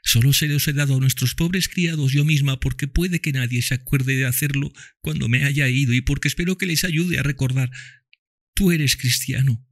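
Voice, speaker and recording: A man voicing a frail, devout little girl who speaks softly and tenderly. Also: steady tone, normal speed, close to an everyday voice. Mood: earnest. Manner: soft, tender high voice.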